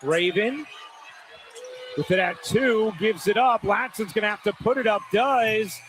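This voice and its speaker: A man calling a televised basketball game from courtside as play-by-play commentator, brisk and measured. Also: high voice, noisy background. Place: courtside at an arena.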